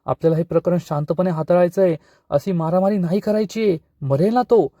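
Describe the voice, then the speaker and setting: Soft pleading young woman, read by a man with a warm, fairly high voice. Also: a little fast, no room sound, studio quality, close to an everyday voice. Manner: pleading, soothing.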